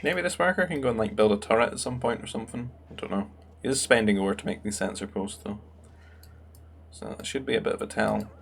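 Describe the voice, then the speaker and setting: A man's voice: on the low side, steady tone, fairly quick, creaky, a little hiss or hum. A young man commentating a strategy game match in a casual, musing way, thinking aloud with fillers. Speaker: game caster.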